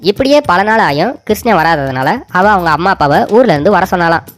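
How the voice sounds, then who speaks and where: A man's voice: high voice, animated, fast talker, a bit bright, faint music behind. Male storyteller, casual folksy comic narration. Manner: casual, colloquial.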